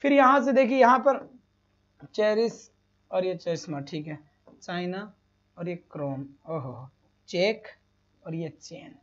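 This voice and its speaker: Speaking slowly in a high voice and pausing often, a male teacher leads a live online exam-prep session. He calls students "beta," repeats each answer and asks rhetorical questions. The audio is lo-fi and a little dull.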